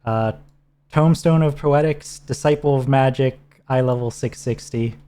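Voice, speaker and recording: A man co-hosts a game stream in relaxed, instructive chat. His voice sits dark and mellow, patiently talking a teammate through menus. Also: medium pitch, normal speed, clear, resonant tone. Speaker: streamer co-host. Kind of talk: casual gameplay chat.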